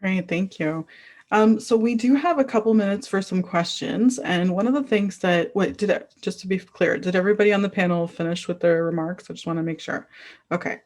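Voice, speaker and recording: A woman's voice: mid-range voice, a little fast, a little mellow. A woman moderating an online event, speaking carefully and reassuringly with many fillers. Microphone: video call.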